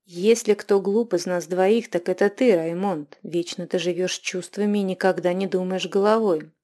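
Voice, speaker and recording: A woman voicing a proud, cold male ghost who speaks scornfully and grows loud in anger. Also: on the low side, steady tone, normal speed, close to an everyday voice.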